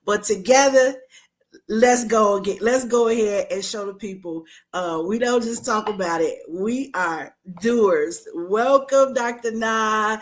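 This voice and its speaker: A woman hosts a casual podcast interview. She sounds hyped and encouraging and cheers her guest on. Her pitch sits around the middle. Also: unhurried. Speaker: podcast host.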